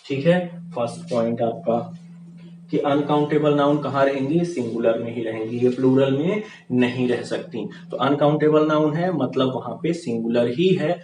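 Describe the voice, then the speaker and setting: A man's voice: medium pitch, moderate pace. A man teaching English grammar, asking questions and answering them himself. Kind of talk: classroom-style grammar lesson. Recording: echoey room, far from the mic, with noise.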